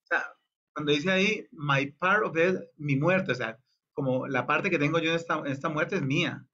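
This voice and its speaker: Slow-spoken male choir director, dull sound. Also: pushed and bright. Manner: explains slowly, sings phrases in falsetto-high demonstrations. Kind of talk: choir rehearsal coaching.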